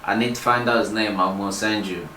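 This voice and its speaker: A man's voice: fairly even intonation, fast, bright, forceful tone. Man in echoey room, casual storytelling. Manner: retells comedy skits, acting out lines in a high voice. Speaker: podcast co-host. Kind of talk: casual chat. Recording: echoey room with faint hiss.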